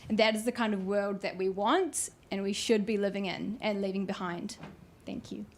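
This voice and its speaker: Young woman, mid-pitched voice, measured event speech. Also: very noisy. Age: young adult.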